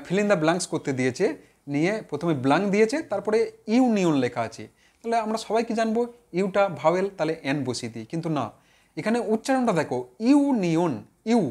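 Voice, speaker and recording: A man teaching an online grammar lesson. He talks straight to his viewers, asks and answers his own questions, and slowly repeats example words to drill their pronunciation. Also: high-pitched, darkish tone.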